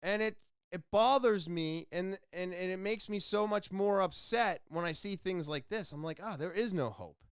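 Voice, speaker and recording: A man hosting his own podcast, delivering an impassioned solo opinion monologue that swings between ranting and quiet somber talk. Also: high-pitched, moderate pace, hardly any pauses, clean tone, no room sound, clean studio sound. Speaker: podcast host.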